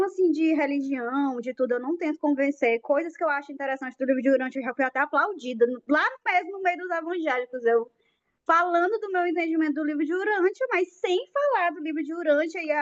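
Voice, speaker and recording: A woman's voice: sits high, lo-fi sound. A woman in a casual group discussion, telling personal stories in a chatty, self-mocking way. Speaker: study group member.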